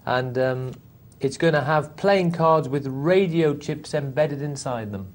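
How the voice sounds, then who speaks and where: A man's voice: fairly high pitch, measured pace. A man co-commentating live poker, earnest and agreeable as the sidekick in the banter.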